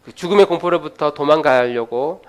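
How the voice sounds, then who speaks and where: A man preaching a sermon, retelling a story in an animated, conversational way with frequent filler sounds. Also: a little high, moderate pace. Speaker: pastor.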